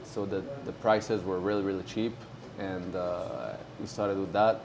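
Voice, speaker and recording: In this interview, a tennis pro from Morocco, a man in his twenties, talks with a low voice over some background noise. He is at ease, yet his speech stops and starts, packed with fillers.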